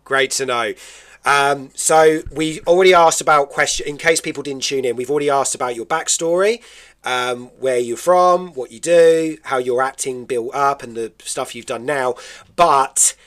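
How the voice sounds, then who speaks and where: A man's voice: mid-range voice, moderate pace, a bit bright. A British man hosting a radio interview show, chatty and enthusiastic, often laughing.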